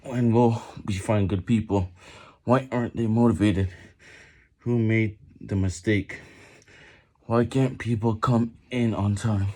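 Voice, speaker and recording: A man's voice: on the low side, steady tone, a little mellow. A man reading a book aloud while doing push-ups, in short broken phrases with frequent stumbles and restarts. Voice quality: halting, broken phrasing with stumbles over words. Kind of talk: halting read-aloud from a book.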